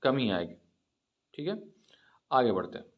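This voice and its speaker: A man with an Indian accent teaches English by slowly reading lines from an editorial, then explaining the meanings of words in Hindi. His mid-range voice is sing-song, and the audio is dull.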